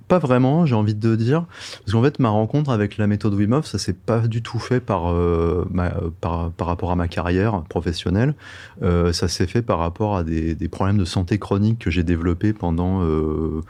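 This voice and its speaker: A middle-aged man with a French accent from France, a guest talking in a halting, thoughtful way with many hesitations and restarts. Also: low voice, mellow. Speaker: guest, microbiologist and breathing-method instructor. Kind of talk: conversational interview.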